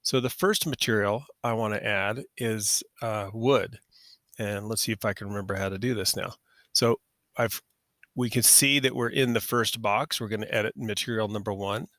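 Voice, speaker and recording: A man walks through a 3D software tutorial in a relaxed, step-by-step way, fixing his own slips as he goes. His voice is fairly low but bright and forceful. The recording is dry and close, with no room sound. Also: moderate pace, dry recording. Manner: casual, talks through each click, self-correcting. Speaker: software instructor.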